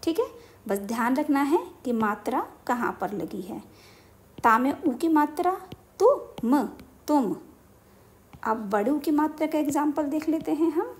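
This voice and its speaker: A woman's voice: sits high, lively intonation. A woman teaching young children a basic lesson, speaking patiently and repeating each word so they can follow. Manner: slow, patient, repeats words for young learners.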